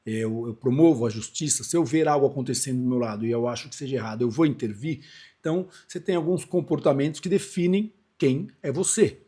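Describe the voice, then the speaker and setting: Husky, mellow-voiced Brazilian man in his forties. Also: mid-range voice, fairly quick. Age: 40s. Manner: conversational, loose, rambling with restarts and asides. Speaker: speaking coach. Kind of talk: casual on-camera lesson.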